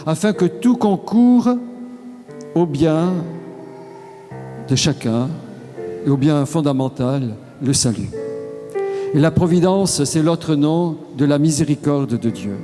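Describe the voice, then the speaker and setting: A man preaching a sermon, slow and measured, pausing between short solemn phrases. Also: on the high side. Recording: long reverb with soft music behind.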